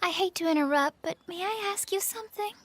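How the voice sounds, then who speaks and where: A woman's voice: very high voice, a little fast, a bit bright, slight background noise. A woman playing a polite, composed and slightly dry young girl in an English anime dub. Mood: polite concern.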